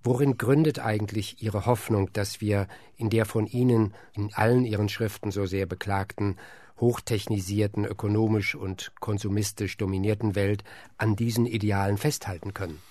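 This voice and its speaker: A man's voice: fairly low pitch, fairly even intonation, moderate pace, warm tone, no room sound. A man hosting an interview who asks long, formal, elaborately phrased questions. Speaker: interviewer, host.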